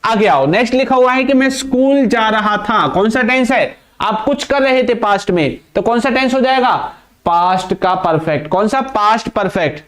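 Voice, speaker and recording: A man's voice: sits high, animated, normal speed, a bit bright. A young man teaching an English grammar lesson, quizzing the viewer with repeated questions and answering them himself, speaking English words. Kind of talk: classroom-style grammar lesson.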